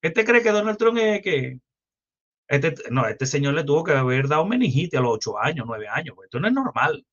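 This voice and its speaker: A Venezuelan man with a Venezuelan accent rants on his livestream, crude and mocking as he rambles from one jab to the next. His voice sits on the higher side for a man. The audio is dull and lo-fi, like a muffled stream. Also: big pitch swings, fairly quick, a bit bright. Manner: foul-mouthed, mocking, loose and rambling. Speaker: livestream host. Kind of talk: crude political livestream rant.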